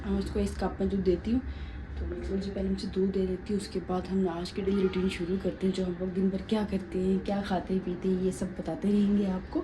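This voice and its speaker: A young woman talks chattily to her viewers at home, her voice at a middling pitch. Faint household noise sits under her voice. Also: flat delivery, a little fast. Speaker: vlogger. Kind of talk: casual daily vlog. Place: home kitchen and bedroom.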